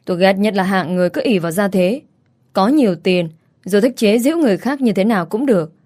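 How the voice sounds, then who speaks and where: A woman's voice: mid-range voice, expressive, fast talker, warm tone. A woman narrating a first-person story in an audiobook reading.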